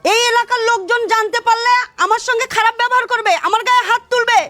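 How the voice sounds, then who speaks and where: A woman's voice: very high-pitched, steady tone, fast talker, sharp tone, no echo, faint music behind. A woman playing a proud, furious mother who insults and scolds her daughter in a domineering way.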